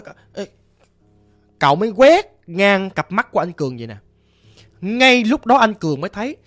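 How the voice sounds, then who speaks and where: A storyteller with a Southern Vietnamese accent narrating a ghost story in a lively, chatty way, slowing to chant incantations. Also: mid-range voice.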